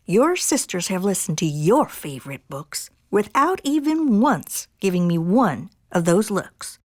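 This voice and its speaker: A woman's voice: mid-range voice, very animated, unhurried, darkish tone, no room sound, clean studio sound. A woman voicing a bossy but affectionate mother cat in a coaxing, sing-song manner. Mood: firm coaxing.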